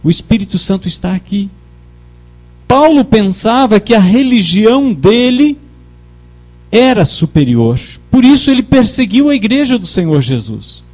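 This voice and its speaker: High-voiced, unhurried male preacher. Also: big pitch swings, darkish tone. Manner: emphatic, leads the congregation in call-and-response. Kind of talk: sermon.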